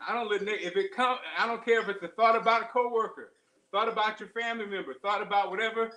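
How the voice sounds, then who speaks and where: A man's voice: high-pitched, pushed and bright. A man giving a casual motivational livestream chat while running on a treadmill, speaking in short, exerted, emphatic phrases and repeating them for stress. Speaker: show host. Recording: roomy, echoing live-stream sound.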